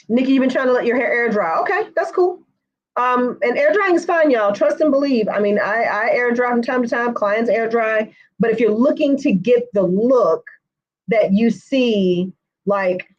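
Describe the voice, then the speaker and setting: A woman's voice: a little high, highs cut off. A woman hair stylist teaching a live online course, chatting with viewers by name and answering their comments. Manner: chatty, addresses viewers by name, says y'all.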